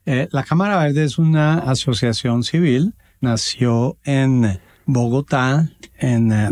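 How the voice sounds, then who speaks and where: A Colombian man answering interview questions in a measured, formal, explanatory way, with pauses. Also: mid-range voice, warm tone, no room sound. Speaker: guest, association president.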